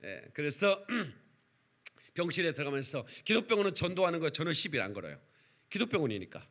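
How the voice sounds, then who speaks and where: A male pastor preaching at a church service, his pitch rising and dropping widely as he tells a story. His voice sits high and bright for a man. He keeps the congregation engaged with calls for responses. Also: brisk. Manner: animated, calls for congregation responses, acts out quotes. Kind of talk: lively revival sermon with storytelling.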